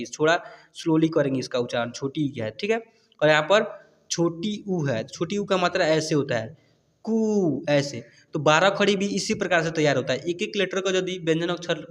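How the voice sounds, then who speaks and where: A man teaching a lesson, explaining letters step by step and often asking whether it is clear. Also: on the high side, long reverb tail. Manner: patient, repeats "clear?" checks. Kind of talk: explaining spelling at a board.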